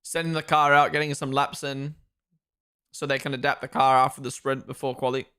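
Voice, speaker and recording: A man's voice: medium pitch, little pitch movement, brisk, bright, forceful tone, smooth. A young man from Australia and New Zealand hosting a live race watchalong, giving chatty, opinionated commentary and talking to his chat.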